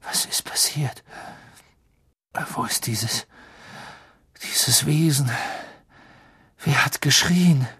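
A man voicing a shaken, dazed teenage wizard boy who speaks in a hushed half-whisper in an audiobook. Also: medium pitch, drawn-out words, pauses often, slightly rough, full character voice.

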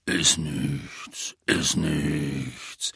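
Guy doing a huge gruff giant, super deep and raspy, slow rumbly mutter, audiobook. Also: sing-song, sharp tone, dry recording, studio quality, exaggerated voice. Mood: reassuring. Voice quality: rough, gravelly voice. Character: huge gruff half-giant gamekeeper, gentle-hearted. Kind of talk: audiobook character voice.

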